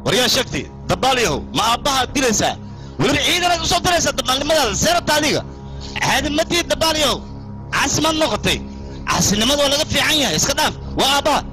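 A man's voice: sits high, lively intonation, racing, rough recording. A man with a Somali accent playing a hot-tempered, scolding crime boss in a film dub. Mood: angry scolding. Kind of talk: dubbed film acting. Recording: film dub over loud music.

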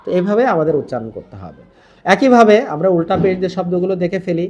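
A man from Bangladesh gives an online Quran lesson in a fairly high voice. He explains tajweed rules patiently, demonstrating each Arabic word by drawing out its long vowels and dropping English terms into his talk. The recording sounds a little dull and lo-fi. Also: very animated, fast, a little mellow, soft background music. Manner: mixes English words into explanation.

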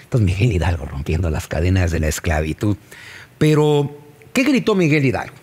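A man's voice: low voice, brisk, breathy edge. A man with a Mexican accent explaining history in casual conversation, posing rhetorical questions. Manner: animated, rhetorical questions to the listener.

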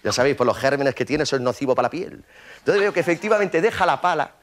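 A man performing a comic stage monologue, an animated storyteller who drops in mouth sound effects and chatty tag questions. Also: on the high side, fast talker. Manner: conversational, with frequent tag questions. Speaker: stand-up comedian. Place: theater stage.

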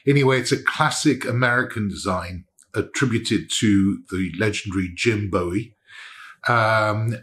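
A man narrating his workshop project in a relaxed, chatty way, with frequent ums and restarts. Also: fairly low pitch, husky. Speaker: maker showing his knife-making project. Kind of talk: casual workshop vlog narration.

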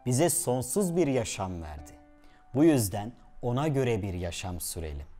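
A man hosting a short devotional program, telling a moral story in a slow, expressive way and acting out the shouts in it. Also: mid-range voice, soft background music.

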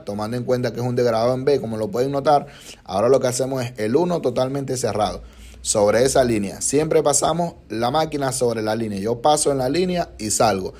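A man's voice: medium pitch, a little mellow. Young male barber explaining a fade. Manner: patient, instructive, often checks in with "ok?". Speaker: barber teaching a haircut. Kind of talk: step-by-step tutorial narration.

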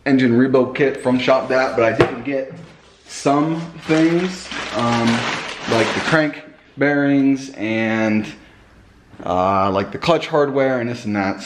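A man's voice: mid-range voice, noisy background. A young man chatting casually as a car vlogger, talking with braces that give him a slight lisp. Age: young adult. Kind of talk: casual rambling vlog chat. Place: indoors in a home kitchen. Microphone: camera at arm's length or on the table.

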